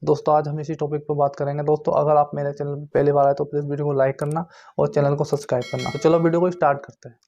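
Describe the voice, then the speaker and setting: Talking very fast with little pitch movement, a man on YouTube updates his audience about exam recruitment, explaining repetitively and insistently with frequent check-ins. The voice sits on the high side with a dark tone, and the recording is muffled and lo-fi.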